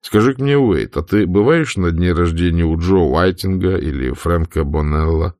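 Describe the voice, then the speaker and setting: A low, drawling voice with a mocking ease, as a man reads him in an audiobook. He talks of people with light scorn. The recording is dry and close. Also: normal speed, a little mellow, no room sound. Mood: wry. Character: wry, drawling grown man. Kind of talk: audiobook character voice.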